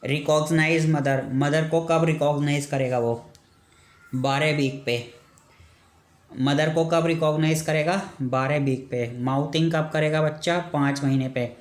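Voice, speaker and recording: A man giving an exam-prep medical lecture. He asks each question, answers it, then repeats it to drill it in, closing points with a quick check. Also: on the high side, steady tone, echoey room. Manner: ends points with a checking "ठीक है".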